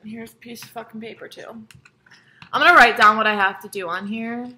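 A woman's voice: a little high, fairly even intonation, brisk, very noisy. A young adult woman vlogging at home, chatting in a rambling, profane way as she eats on camera. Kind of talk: casual mukbang chat.

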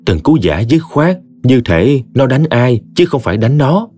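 A man with a Southern Vietnamese accent narrating a story in an expressive, folksy way. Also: mid-range voice, unhurried, soft background music.

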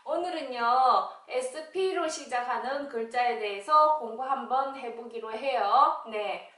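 A woman teaching children English phonics, sounding out letters slowly and cheerfully. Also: fairly high pitch, fairly bright tone, heavy reverb, far from the mic. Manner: slow, drawn-out sounding of letters, cheerful greetings.

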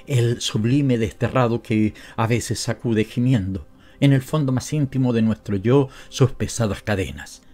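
A man with a Latin American Spanish accent giving a measured, expressive literary narration. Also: mid-range voice. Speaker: audiobook narrator.

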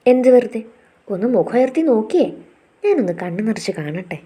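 A woman voicing a caring young husband who speaks softly and coaxingly. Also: mid-range voice, very animated, fairly quick, husky. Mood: teasing. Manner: soft, coaxing.

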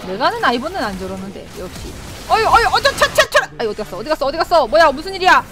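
A woman's voice: high-pitched, very fast. A woman streaming a game, reacting with yelps, laughs and running commentary as she plays. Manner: animated, yelps and laughs, talks to the screen. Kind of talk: excited gameplay commentary.

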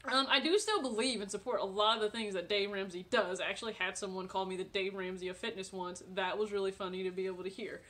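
A woman's voice: medium pitch, steady tone, fast talker, few pauses, a bit bright. A woman in her late twenties chatting casually to camera from her living room, friendly and talkative with frequent laughs and fillers. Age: 20s. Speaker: vlogger.

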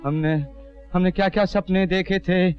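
A man's voice: high-pitched, fairly even intonation, moderate pace, lightly acted. Actor playing a humble rustic foster father. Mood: scolding. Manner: pleading, emotional, rustic speech. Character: humble uneducated rickshaw-puller man, devoted foster father. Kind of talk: 1980s film melodrama. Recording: dull, music behind.

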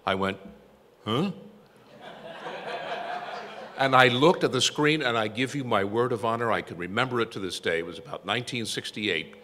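A man's voice: fairly low pitch, sharp tone. An older man giving an anecdotal tribute speech, telling stories with self-deprecating humor. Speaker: tribute speaker, former newsroom copy boy. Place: event hall. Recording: echoey hall with long reverb.

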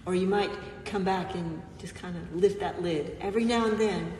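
A woman pastor giving a gentle, reflective sermon with frequent pauses, recorded in a church sanctuary from a distant mic. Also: on the low side, slight background noise. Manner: gentle, reflective, pausing often. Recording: echoey church, mic far off.

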